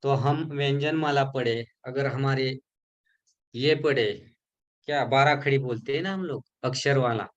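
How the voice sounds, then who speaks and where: A man's voice: medium pitch, highs cut off. Man teaching pronunciation, repeating syllables. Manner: explains slowly, repeats syllables to show pronunciation; mixes English terms into his explanations. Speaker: teacher of a healing course. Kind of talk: recorded online lesson.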